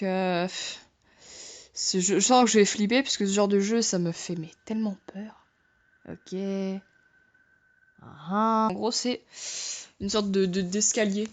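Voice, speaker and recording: A young woman commenting as she plays a horror game, jokey and frightened, swearing and shouting when startled. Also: medium pitch. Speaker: gamer.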